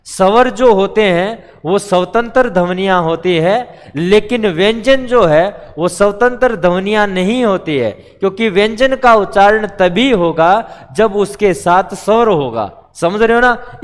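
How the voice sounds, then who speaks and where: A man's voice: high-pitched, lively intonation, measured pace. A man teaching Hindi grammar in a live online class, explaining patiently step by step and answering his own questions. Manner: patient, explains step by step, calls students beta; repeats questions and answers them himself. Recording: long echo of a reverberant room.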